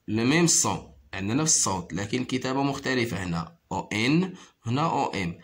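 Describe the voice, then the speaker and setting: A man teaching a primary school French lesson, repeating each word slowly, counting syllables and explaining in Arabic. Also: medium pitch, very animated. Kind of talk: slow classroom reading lesson.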